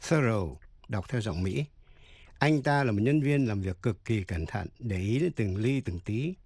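On the radio, a man with a medium-pitched, darkish voice teaches an English lesson without echo. He explains pronunciation carefully and spells words out letter by letter.

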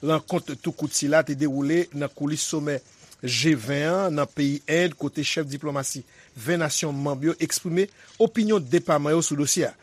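A man's voice: a little high, moderate pace, slightly rough, no room sound. A man presenting the news as anchor, in a conversational style with spoken fillers.

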